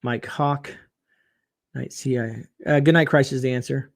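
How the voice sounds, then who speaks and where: His voice beginning to get hoarse, a male livestream host talks his way through a late-night session, chatty and loose with lots of fillers as he reads out comments from viewers. He sounds ordinary in pitch, steady in tone and measured in pace.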